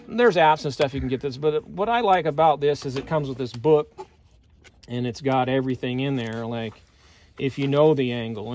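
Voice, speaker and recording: A man's voice: mid-range voice, darkish tone. A middle-aged man giving a hands-on welding lesson in an outdoor work yard, explaining step by step in a plain, practical way, recorded on a nearby phone camera. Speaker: welding instructor. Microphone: phone camera held nearby.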